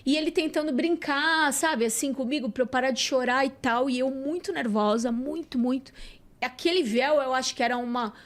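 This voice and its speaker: A woman with a Santos Brazilian accent, a podcast guest and psychologist, telling a personal story in an animated way. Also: sits high, brisk. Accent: Brazilian Portuguese, Santos. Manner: animated, acts out quoted dialogue. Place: podcast studio.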